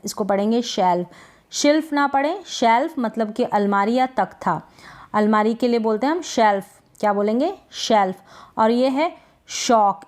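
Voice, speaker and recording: A woman teaching English phonics in a Hindi accent, her voice sitting a little high. She stretches each practice word out and keeps asking what it should be read as, like a patient teacher. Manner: drawn-out word repetition, quizzing questions. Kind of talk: slow phonics lesson.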